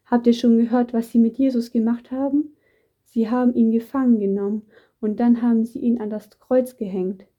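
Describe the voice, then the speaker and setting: A woman voicing a distraught man who brings terrible news in a loud, shaken voice. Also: fairly high pitch, fairly even intonation, normal speed, natural voice. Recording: dull muffled recording.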